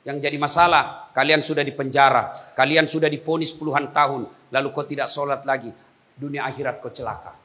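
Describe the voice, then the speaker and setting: A man preaching a humorous sermon at a prison gathering, animated, swinging between hushed and shouted lines. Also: medium pitch, fairly quick.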